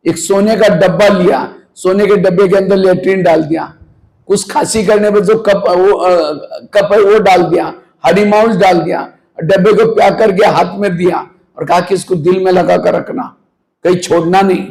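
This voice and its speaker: Guy preaching in a meditation hall, high voice, kinda gravelly, asks the crowd lots of questions. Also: fairly even intonation, normal speed, a little mellow. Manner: earnest, rhetorical questions, scolds sleepy listeners. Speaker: spiritual teacher. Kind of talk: spiritual discourse to a live audience.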